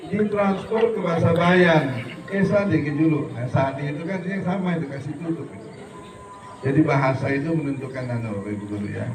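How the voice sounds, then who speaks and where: A man's voice: fairly high pitch, fairly quick, noisy background. A middle-aged man giving a humorous religious lecture at a school event, joking, mimicking regional dialects and urging students to keep growing. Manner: jokey, mimics regional dialects in quoted bits; preachy, motivational to students. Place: school hall. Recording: echoey hall, voice from far off.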